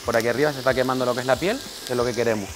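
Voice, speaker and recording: A male chef races through his demonstration in a small kitchen class, his medium-pitched voice fairly even in intonation against background noise. He's practical, directing the assistant at his side step by step.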